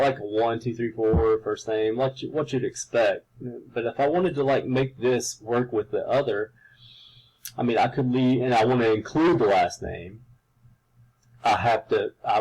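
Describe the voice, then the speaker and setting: A man's voice: on the low side, darkish tone, slightly rough, poor audio. A man teaching computer science in a recorded screen-share lecture, talking casually with lots of fillers and restarts.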